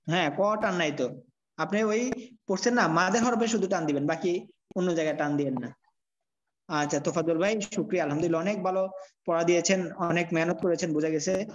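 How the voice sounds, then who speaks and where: A man teaching a Quran reading class, patiently correcting students and spelling out letters slowly. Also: high voice, slight background noise. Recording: dull lo-fi audio.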